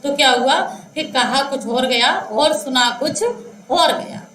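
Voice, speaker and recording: A high, bright-voiced woman teaches a class at an unhurried pace. She dictates slowly, repeating each phrase word by word and calling her students children. The sound is echoey, with a faint room hum behind her. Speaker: Hindi teacher. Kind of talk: classroom lecture explaining grammar.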